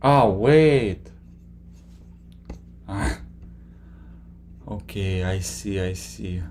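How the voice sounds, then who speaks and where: A man casually chatting on a live stream, reading out viewer questions and reacting, with halting pauses. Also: low voice, a little mellow. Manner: slow, halting, many filler pauses.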